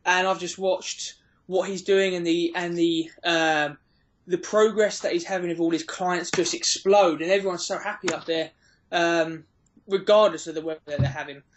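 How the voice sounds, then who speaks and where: A man's voice: high-pitched, fairly even intonation, normal speed, dull audio. A man, a fitness coach, hosting a casual interview in a friendly, joking way.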